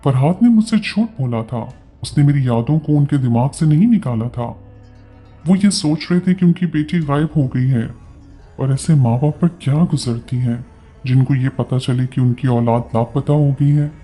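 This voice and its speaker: A man with a Pakistani Urdu accent reading a first-person story in a steady, earnest way. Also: mid-range voice, normal speed, faint music behind.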